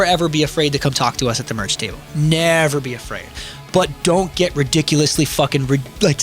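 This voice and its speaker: A young man, a band singer and vocal teacher, rambling casually on a livestream, swearing freely and acting out quotes in animated voices. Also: fairly high pitch. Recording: faint background music.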